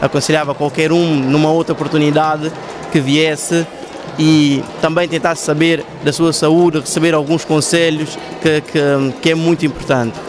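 A young man with a slightly raised voice answers an interviewer hesitantly, often restarting his words. Music plays clearly behind him. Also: fairly high pitch, little pitch movement, moderate pace. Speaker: event visitor. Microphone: handheld mic.

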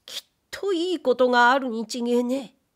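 In an audiobook of period fiction, a woman voices a meek, timid male ghost, a former wastepaper dealer, who speaks in polite, plaintive old Edo commoner speech. Her voice is high, expressive, and pushed upward, delivered at a moderate pace.

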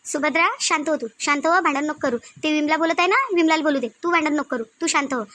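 A woman voicing calm peacemaking village group leader. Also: high voice, quick pace. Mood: soothing. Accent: Varhadi Marathi. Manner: soothing, pleading, repetitive.

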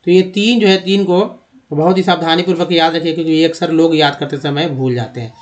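A man explaining a lesson, slowly repeating and drawing out each sound as he talks through examples. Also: fairly high pitch, fairly even intonation, highs cut off. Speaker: English teacher. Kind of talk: classroom-style spoken lesson.

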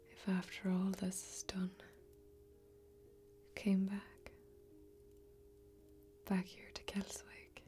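Speaking softly near the microphone, a young woman voices a kindly, protective fantasy warrior in ASMR role-play, gentle, whispery, folksy and reassuring. Her natural, medium-pitched voice sounds admiring and tender.

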